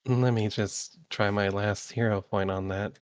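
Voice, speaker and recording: A man's voice: lowish voice, steady tone, unhurried. A man chatting casually as he plays a tabletop roleplaying game.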